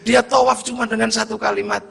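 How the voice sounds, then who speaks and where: High, gravelly-voiced preacher telling stories. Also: male voice, quick pace. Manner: lively storytelling with voiced dialogue and shouted bursts. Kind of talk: storytelling sermon. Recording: long hall reverb.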